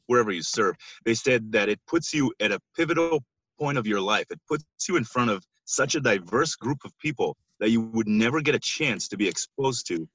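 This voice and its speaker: A man's voice: mid-range voice, animated, a little fast, a bit bright, slightly rough, dry recording, low-quality recording. A man from Israel, a sleep-deprived basketball coach, speaking as a guest in a casual interview in a thoughtful way with some hesitation.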